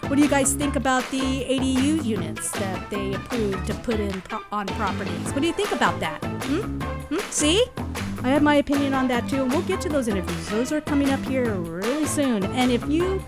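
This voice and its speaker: A woman's voice: sits high, expressive, moderate pace. Chatty woman podcast host, music underneath. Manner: rambling, chatty, restarts sentences. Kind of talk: chatty local podcast interview. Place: studio with guest.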